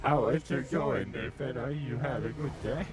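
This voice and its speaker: A man's voice: medium pitch, moderate pace, gravelly, background noise. Man through a demonic voice changer. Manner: playful, toying with his voice. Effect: demonic voice changer with reverb. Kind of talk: casual chat while gaming. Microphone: directional desk mic over voice chat.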